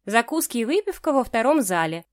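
A woman's voice: a little high, sing-song, a little fast, no echo, clean studio sound. A woman voicing a doting, gushing mother in her sixties in an audiobook. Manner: gushing, exclamatory.

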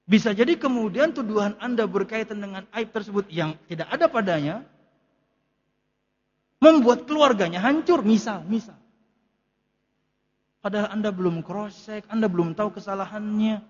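A man's voice: high voice, moderate pace, pauses often, a little mellow, long reverb tail, dull audio. A man teaching a religious study lecture, reading Arabic lines and explaining them in casual, conversational speech. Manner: explains Arabic text line by line in casual Indonesian. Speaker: ustadz teaching a kitab study.

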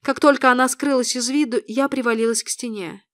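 Woman, audiobook narrator, first-person storytelling, lively and expressive, high voice, dry close sound. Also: a little fast, no echo.

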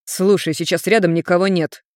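A blunt, snappish young man who cuts others off, voiced by a woman in a lowish register. It is recorded close and dry. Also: steady tone, a little fast, darkish tone, dry recording, lightly acted. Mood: irritated. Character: curt, irritable young man.

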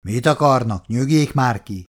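A man voicing a rude, quarrelsome younger tenant who snaps and mocks in a gruff, loud way, in an audiobook reading. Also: medium pitch, big pitch swings, lightly acted. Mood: hostile. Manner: gruff, shouting, mocking.

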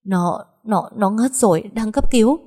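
A woman's voice: mid-range voice, animated, fairly quick, lightly acted. A woman doing a raging peasant sister. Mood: panicked. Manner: shouting, threatening. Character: furious hot-tempered peasant woman, older sister.

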